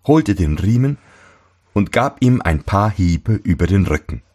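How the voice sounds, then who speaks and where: A male storyteller reads a fairy tale slowly and expressively, his low voice moving through a wide, lively range. The tone has a husky, slightly breathy grain. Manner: expressive, voices each character. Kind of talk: scripted fairy-tale reading.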